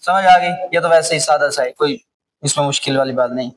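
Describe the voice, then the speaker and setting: A man with a Pakistani Urdu accent teaching a class on reading the Quran. He slowly repeats words over and over, quizzes his students, and sometimes calls out loudly. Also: a little high. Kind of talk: classroom lesson on Quranic recitation rules. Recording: distant mic with clear background noise.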